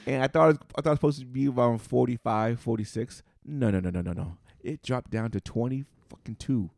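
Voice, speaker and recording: A man's voice: mid-range voice, fast talker, gravelly, a little mellow, no echo, studio quality. A man in his forties co-hosting a casual podcast, laid-back, laughing often and swearing casually. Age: 40s. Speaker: podcast co-host. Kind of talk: casual chat.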